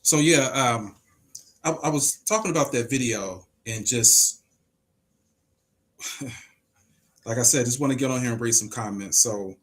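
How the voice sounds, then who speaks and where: His voice is mid-range and a bit bright, delivered unhurriedly with long pauses. This podcast host in his forties reads comments on a casual livestream and presses his argument through emphasis and rhetorical questions.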